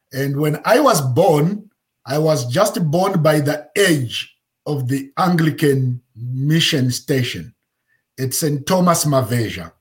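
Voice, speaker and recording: A man in his fifties from Zimbabwe, a pastor telling his life story in an interview, pausing often with fillers. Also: on the high side. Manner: halting, many fillers.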